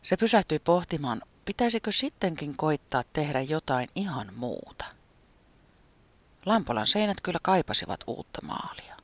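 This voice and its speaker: A storyteller gently reading a children's story aloud, with an expressive, sometimes whispery delivery. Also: mid-range voice, dry recording.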